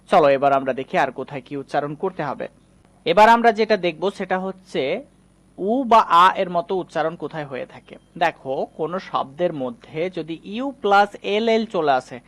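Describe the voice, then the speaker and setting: Man, teacher, fairly high voice, patient, repeats each example word. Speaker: English reading teacher. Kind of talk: explaining lesson to students.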